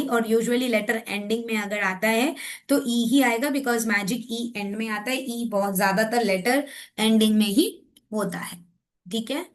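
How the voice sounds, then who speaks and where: Slow, deliberate woman phonics teacher. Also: on the high side. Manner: mixes Hindi and English, repeats and checks understanding; says example words slowly and deliberately. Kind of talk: classroom-style lecture.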